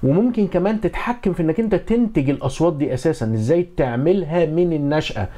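A middle-aged Egyptian-accented instructor of music and audio engineering teaches from a small indoor home music studio. His voice is on the high side, animated, quick and mellow, and his informal, conversational tutorial style is full of rhetorical questions.

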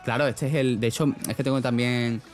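Young male streamer, loose rambling chat to viewers, medium pitch, soft music bed. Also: steady tone, fairly quick. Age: young adult. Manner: rambling, slangy, laughs often. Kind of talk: casual chat reading live chat.

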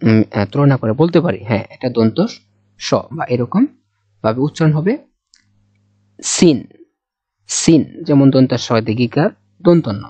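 A Bangladeshi Bengali-accented man teaching Quran letters slowly and patiently, sounding out each letter several times for learners. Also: medium pitch, a little mellow, dry recording. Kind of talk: slow step-by-step letter lesson. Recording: dull dry close recording.

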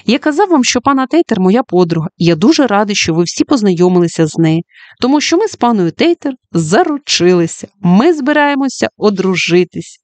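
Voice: mid-range voice, sing-song, fairly quick, dry recording, natural voice. A reader doing a friendly male teacher from a storybook, upbeat and announcing, clean dry sound with no room around it. he talks like he's sharing good news with the class. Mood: cheerful.

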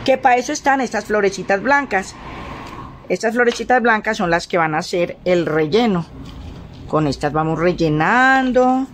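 A middle-aged Colombian woman hosts a craft tutorial, chatting casually through the demonstration in an animated, medium-pitched voice at normal speed. She's affectionate and repetitive, full of endearments and diminutives. A faint hiss or hum can be heard.

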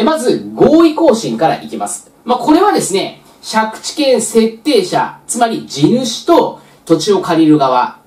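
A woman tutor lectures patiently for a real estate exam, explaining step by step and often using the filler "まあ." Her voice is fairly low and darkish, recorded on a distant mic with roomy echo.

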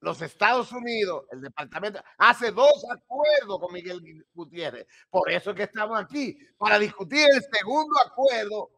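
Gravelly, high-voiced man in his sixties, emphatic. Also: very animated, a bit bright. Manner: deliberate, emphatic, gestures while explaining. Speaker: guest crime analyst. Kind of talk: emphatic studio interview analysis. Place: home office with shelves and flags. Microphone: studio mic on boom arm.

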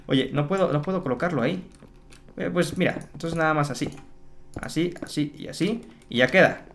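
A man commentating his Minecraft play for viewers, excitable and chatty, repeating words and exclaiming. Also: fairly high pitch, moderate pace, long pauses, slight background noise. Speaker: gaming YouTuber.

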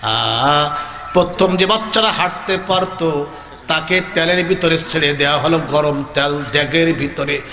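A man from Bangladesh preaching a sermon as a chanted story, rising into high shouted, sing-song climaxes. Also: unhurried, creaky, echoey room, big-room sound.

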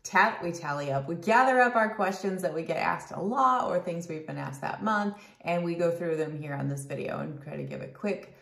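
Low-voiced woman coach, echoey room. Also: expressive, moderate pace, creaky, few pauses, a bit bright. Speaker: fitness and nutrition coach co-host. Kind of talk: casual Q&A chat. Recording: roomy echo.

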